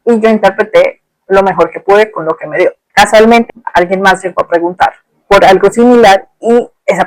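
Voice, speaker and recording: A woman with a Colombian Spanish accent hosts a podcast and tells a personal story, sounding reflective, conversational and colloquial. Her voice is on the low side, and the recording has no echo but is rough.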